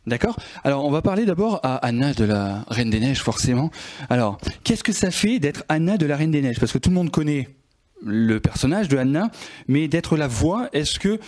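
A man's voice: on the high side, sing-song, moderate pace, a little mellow. A man hosting a casual radio interview, talking hesitantly with many restarts.

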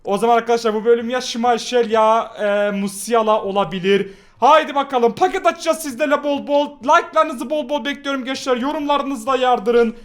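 A high-pitched young man commentates mobile football pack openings, shouting hype at the game and groaning whenever his luck turns bad.

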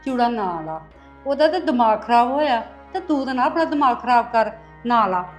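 A woman's voice: a little high, lively intonation, normal speed, soft background music, lightly acted. A woman playing a fussing mother-in-law. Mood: soothing. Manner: fretful then coaxing. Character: fussing mother-in-law, soothing her new daughter-in-law.

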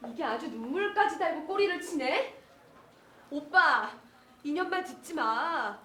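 A woman's voice: sits high, lively intonation, unhurried, sharp tone, heavily acted. An actress playing a jealous, hot-tempered young woman in a romantic comedy film, brash, coarse and scolding. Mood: jealous, angry. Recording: echoey film scene with faint background noise.

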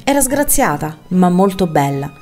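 A woman reads a novel aloud in a fairly low voice, measured and expressive. Faint music plays softly beneath her narration. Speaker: audiobook reader. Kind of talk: literary audiobook narration.

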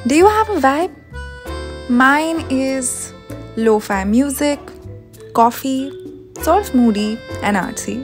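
A woman speaking in a soft, hushed, musing tone, giving the dreamy voiceover of a travel vlog. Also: high-pitched, expressive, slow, long pauses, soft background music. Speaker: travel vlogger.

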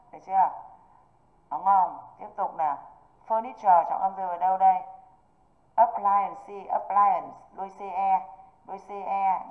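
A woman English teacher, patiently walking students through an online exam review and often checking that they follow. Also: mid-range voice. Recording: tinny phone-like online call audio.

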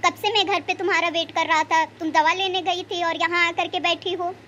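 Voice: very high-pitched, flat delivery, moderate pace, bright, forceful tone, slight background noise. A performer voicing an exasperated grown son in a cartoon, scolding his mother. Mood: impatient. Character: harried grown son, impatient. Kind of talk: cartoon voice acting.

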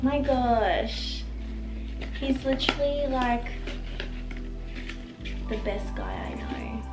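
Slow-talking high-voiced vlogger mum. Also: female voice, echoey room, loud music behind the voice. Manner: gushing and emotional, repeats exclamations. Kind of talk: casual vlog chat. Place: family home.

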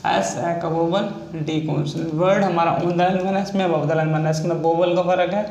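A man's voice: on the high side, steady tone, normal speed, darkish tone. A man teaching a shorthand lesson, explaining each step over and over. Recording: echoey room with faint noise.

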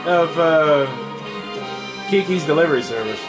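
A man's voice: a little high, animated, measured pace, music in the background. A tired young man hosting a casual let's play, rambling and trailing off with fillers as he comments on the game.

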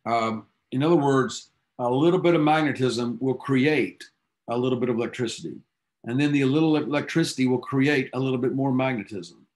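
A man's voice: mid-range voice, brisk, darkish tone. A male physics teacher lectures his class with a mid-range voice. He tells science history in an eager, chatty way, tossing in casual asides as he goes. The sound suggests a classroom. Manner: enthusiastic storytelling, casual asides.

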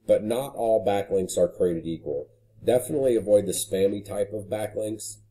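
Male consultant, deep mellow voice, easygoing screen-share walkthrough. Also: moderate pace. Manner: casual and conversational, frequent "you know". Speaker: marketing consultant.

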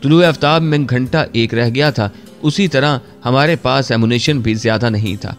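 Man narrating a war story. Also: mid-range voice. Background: faint background music.

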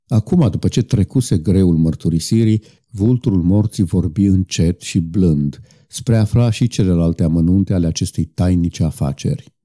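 Deep-voiced man reading an audiobook. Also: warm tone. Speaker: audiobook narrator. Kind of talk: scripted narration.

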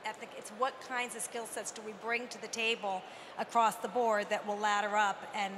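A woman's voice: medium pitch, moderate pace. A middle-aged woman speaking animatedly as a panelist on a conference stage, holding a handheld mic. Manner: animated, emphatic, gestures while talking. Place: large conference hall stage. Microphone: handheld microphone. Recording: reverberant hall with background noise.

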